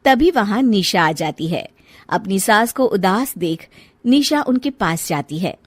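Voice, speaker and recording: A woman's voice: medium pitch, lively intonation, a little slow, slightly rough, no echo. A woman narrating a scripted family story as a storyteller.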